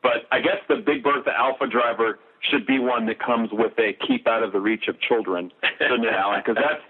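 A man's voice: medium pitch, steady tone, fairly quick, slightly rough. A man who runs marketing, chatting in a jokey, upbeat way as he promotes new golf drivers. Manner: jokey, upbeat, laughs often. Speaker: marketing executive. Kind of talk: promotional interview chat. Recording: tinny phone-like audio.

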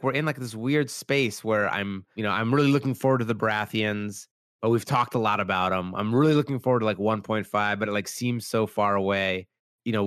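A young man hosts a podcast with a mid-range, slightly bright voice, recorded clean in a studio with no room sound. He rambles through a casual chat, dropping in lots of "like" fillers and acting out quoted lines. His voice sounds a little worn, as if he's been sick.

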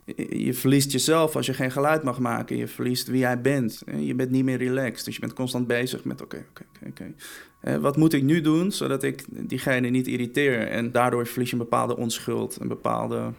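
A man's voice: medium pitch, level tone, moderate pace, gravelly, hardly any pauses. A young man interviewed for a documentary, talking hesitantly and often repeating words as he speaks of his father. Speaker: interviewee, son.

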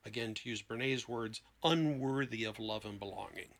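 A therapist appearing as an interview guest explains things conversationally, illustrating his points with anecdotes and quoted dialogue. His voice is lowish and fairly bright, at a normal speed.

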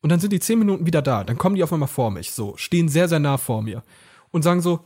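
Young male co-host, fast and husky, rambling storyteller. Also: fairly high pitch, lively intonation, darkish tone. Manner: rambling, acts out quoted lines. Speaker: podcast co-host. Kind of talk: casual storytelling chat.

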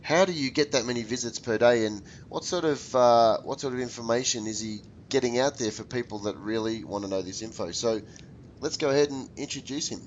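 A man with an Australian accent co-hosting a podcast in casual chat, husky and hoarse from a head cold, upbeat and rambling with restarts. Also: medium pitch, brisk, lo-fi sound, a little hiss or hum. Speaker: podcast co-host.

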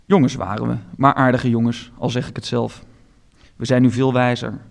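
A man reading literary fiction aloud as an audiobook narrator, slow, measured and hushed. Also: medium pitch, flat delivery, vocal fry. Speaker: audiobook reader.

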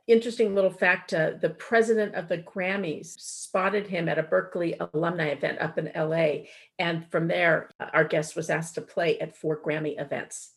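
A woman's voice: fairly low pitch, breathy edge. A woman co-hosting an interview and introducing the guest. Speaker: co-host. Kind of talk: casual interview chat.

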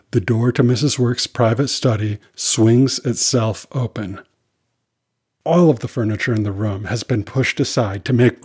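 Expressive, slightly husky male storyteller. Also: fairly low pitch. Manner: animated, expressive reading. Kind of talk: scripted children's story narration.

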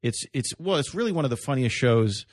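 Male co-host, chill bro delivery, mid pitch, blunt casual banter, dry studio-close sound. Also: animated, fairly quick, dry recording. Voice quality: laid-back bro-like voice. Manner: blunt, sweary. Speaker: podcast co-host.

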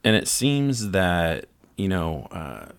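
A man co-hosting a casual podcast chat, relaxed and explaining growing tips, laughing easily. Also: deep voice, slow pace, creaky, clean tone, no room sound. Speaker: podcast co-host.

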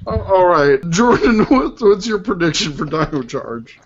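A young man hosting a casual podcast, playful and animated. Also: high voice, measured pace, crowd noise. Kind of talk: casual fan chat. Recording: dull lo-fi audio.

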